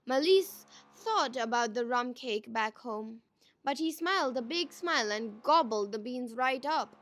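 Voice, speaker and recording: A woman narrates a scripted folktale. Her voice sits high and her pace is unhurried. She is expressive and deliberate in the way she shapes the story.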